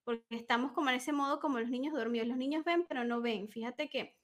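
A woman's voice: high-pitched, quick pace. A woman coach talking in an interview, explaining ideas patiently and acting out little examples of what a parent might say. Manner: warm, explanatory, acts out examples. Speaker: emotional wellness coach. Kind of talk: conversational interview.

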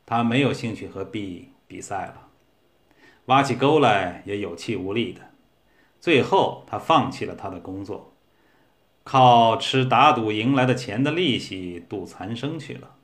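Man reading a story aloud, measured. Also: fairly low pitch, animated. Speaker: narrator.

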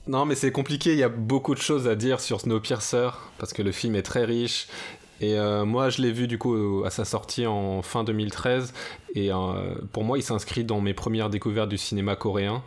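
A man's voice: lowish voice, fairly even intonation, normal speed. A man talking casually on a podcast, thoughtful and hesitant with many fillers. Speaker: podcast co-host. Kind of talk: casual discussion.

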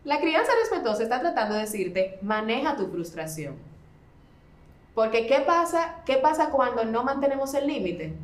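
A woman speaking as a parenting expert guest, explaining in a conversational way and acting out gentle talks with a child. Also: fairly high pitch, sing-song, moderate pace. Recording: roomy echo.

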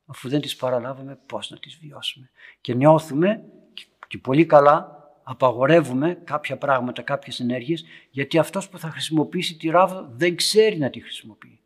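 In a church meeting room, an Orthodox priest delivers a storytelling homily to young parents, his voice swelling and then falling to near whispers. It is a mid-range male voice with a breathy edge.

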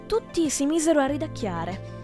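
A woman reading a children's book aloud with expressive storytelling, as the host of her own podcast. Her voice sits a little high, and gentle music plays faintly under the narration. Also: normal speed. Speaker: podcast reader.

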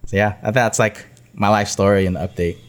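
A man's voice: lowish voice, fairly even intonation, fairly quick. A young man co-hosting a podcast, chatting casually and rambling with lots of "like" fillers. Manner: rambling, heavy use of "like" as filler. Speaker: podcast co-host.

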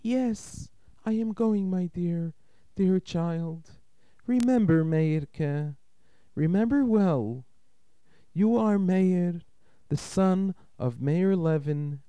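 Man doing a worried mother, pleading, tender, raised pitch, mellow, expressive, dry close sound. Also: extremely slow, clear, resonant tone, no room sound. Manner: tender, pleading, tearful urgency. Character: anxious, loving mother parting from her son.

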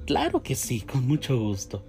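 A man's voice: mid-range voice, huge pitch swings, normal speed, darkish tone, pitched above the performer's own voice. A man voicing an eager, slightly nervous young male medical student in a storybook reading. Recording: faint music behind.

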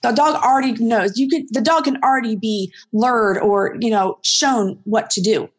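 Casting: chatty woman dog trainer, slightly high voice, rambling and casual. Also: normal speed, breathy edge. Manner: chatty, rambling with many ums and restarts. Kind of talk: casual interview chat.

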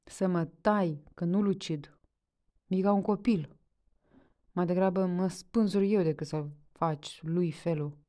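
A woman's voice: on the low side, warm tone, close to an everyday voice. A woman reading a story aloud voices a bitter male peasant who curses and refuses stubbornly. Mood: indignant. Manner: cursing, defiant.

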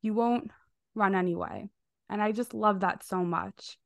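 This podcast host is a young adult woman with a gravelly, medium-pitched voice and an unhurried pace, recorded with no room sound. She's slightly nasal after being ill recently, and her interviewing style is warm, enthusiastic, and heavy on fillers.

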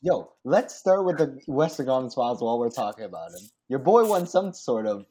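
A young man hosting a casual sports talk podcast, animated and slangy, talking in restarts. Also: mid-range voice, brisk, breathy edge. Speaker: podcast host.

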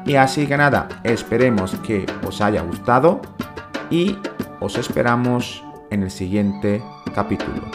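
A man teaching in a podcast, speaking slowly and patiently and repeating each sound several times. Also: medium pitch, expressive, loud music behind the voice. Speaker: Arabic teacher. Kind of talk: podcast lesson.

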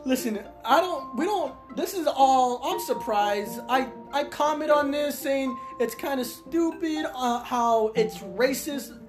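A woman's voice: sits high, lively intonation, slow, hardly any pauses. A woman co-hosting a casual rant podcast, laughing often and repeating herself. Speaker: podcast co-host. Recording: music playing behind.

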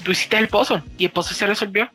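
A man's voice: sits high, steady tone, quick pace, sharp tone, soft background music. A man chatting casually about video games, constantly mixing English phrases into his Spanish and swearing freely.

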